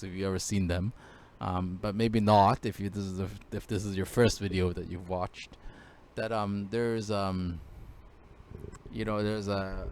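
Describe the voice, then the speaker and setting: A man teaching a casual screen-share language lesson, hesitant, with many fillers and restarts. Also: on the low side.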